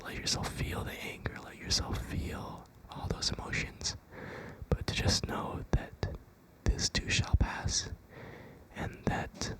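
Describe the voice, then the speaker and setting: A young adult whispering a gentle, reassuring pep talk of ASMR affirmations in an unhurried way. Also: rough recording. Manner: whispering throughout. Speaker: ASMR creator.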